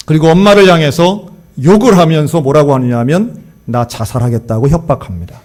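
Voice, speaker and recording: Male pastor preaching, tells a story, voice jumps all over, kinda high, acts out the lines. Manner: animated, acts out quoted dialogue. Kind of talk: sermon storytelling.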